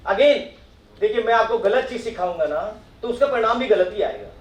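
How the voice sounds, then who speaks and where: Middle-aged male speaker at a professional meet; quizzes the room, high pitch, distant roomy sound. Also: expressive, moderate pace. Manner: asks the audience questions and acts out their replies. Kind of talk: motivational talk to an audience. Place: meeting hall with audience. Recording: echoey hall, mic from far off.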